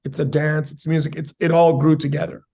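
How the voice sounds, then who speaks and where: A man in his forties from South San Diego, a capoeira master answering interview questions in a measured, academic way with many fillers. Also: fairly high pitch, flat delivery, creaky, dark tone. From South San Diego, USA. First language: Spanish and English.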